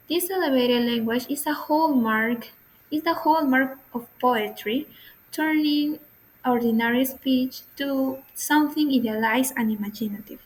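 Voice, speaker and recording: A woman presents a class slideshow. She reads her prepared script slowly and carefully, and her voice sits a little high. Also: low-quality recording. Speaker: student presenter.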